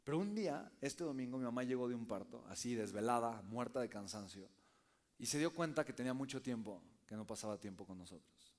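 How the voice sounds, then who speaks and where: A man telling a personal story to a live audience, keeping them engaged with frequent quick questions. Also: medium pitch, animated, a little mellow. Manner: conversational, keeps checking in with the audience. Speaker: speaker addressing a live audience. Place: in front of an audience.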